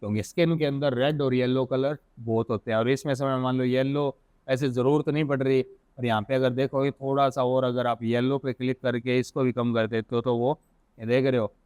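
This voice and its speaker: A man with an Indian accent teaching software in a casual screen-recorded tutorial, thinking aloud and correcting himself as he goes. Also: medium pitch, clean tone, no room sound. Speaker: software instructor.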